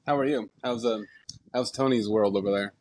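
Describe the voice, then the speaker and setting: A man's voice: fairly low pitch, normal speed, a little mellow. A man in his thirties from the US Pacific Northwest, co-hosting a podcast and rambling through stories with lots of "like" fillers. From Bend, Oregon, US. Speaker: podcast co-host. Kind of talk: casual podcast banter.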